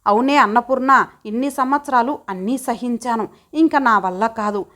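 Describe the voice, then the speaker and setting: A woman's voice: fairly high pitch, moderate pace, fairly bright tone, close to an everyday voice. Woman reader doing a stern elderly household head, scolding and curt, for an audio story. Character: stern older husband and father-in-law, commanding.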